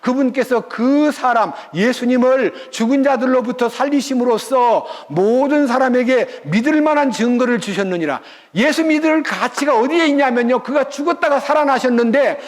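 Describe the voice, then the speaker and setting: A man's voice: very high voice, animated, moderate pace, long reverb tail. An older man preaching a sermon as pastor at a church retreat, telling the story with emphatic energy.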